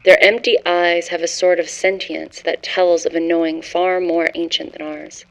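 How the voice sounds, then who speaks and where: Woman as a haunted scholar telling a horror story, lowish flat voice, grave and bookish. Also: moderate pace, close to an everyday voice, rough recording. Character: haunted scholar confessing forbidden cosmic horror discovery. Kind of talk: scripted first-person horror story narration.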